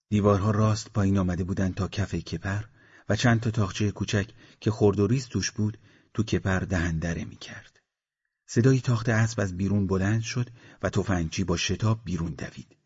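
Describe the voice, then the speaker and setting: A man reading a novel aloud as an audiobook narrator, in a measured storytelling manner. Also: low voice, darkish tone, breathy edge. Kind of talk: scripted narration. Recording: dull lo-fi recording.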